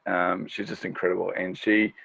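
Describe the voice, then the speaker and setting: A man's voice: deep voice, little pitch movement, normal speed, creaky, a bit bright. A middle-aged man, a podcast host and marketing strategist, telling stories as a guest in a casual interview, enthusiastic and chatty with frequent fillers. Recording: dull lo-fi audio.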